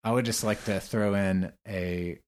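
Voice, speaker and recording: A man's voice: lowish voice, steady tone, a little slow. A man hosting a casual podcast interview in a chatty, encouraging way. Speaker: podcast host.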